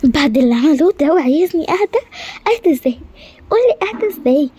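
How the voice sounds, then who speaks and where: Woman voicing a short-tempered queen, Egyptian accent, high voice, fast indignant scolding, hobby animation drama. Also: darkish tone. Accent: Egyptian Arabic. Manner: indignant, scolding, rapid complaints. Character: haughty short-tempered queen scolding her palace staff.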